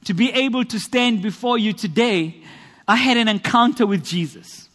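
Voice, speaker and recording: Speaking at normal speed in a high, somewhat bright voice, a South African man delivers a sermon and his testimony. He is earnest and rhetorical, piling up repetition for emphasis, and the church hall gives the recording a long reverb.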